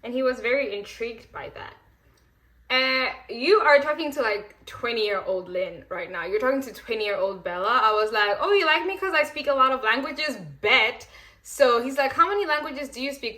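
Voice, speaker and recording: A woman in her twenties, from Rwanda and raised in South Africa, telling a story in a chatty, animated way and acting out the people in it. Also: a little high. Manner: chatty, animated, acts out quoted voices. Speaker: vlogger. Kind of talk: casual storytime while getting ready.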